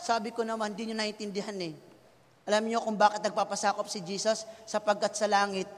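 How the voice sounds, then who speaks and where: A Filipino man in his thirties preaching a sermon, mixing Tagalog and English, dropping to hushed tones and then rising to shouts. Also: high voice, little pitch movement, brisk. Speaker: pastor. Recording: long hall reverb.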